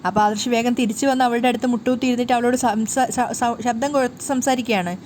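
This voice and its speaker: A woman's voice: on the high side, steady tone, fast talker, darkish tone, slight background noise. Chatty woman retelling a serial episode. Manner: chatty, running retelling with small self-corrections. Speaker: serial recap narrator. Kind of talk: casual storytelling recap of a TV serial episode.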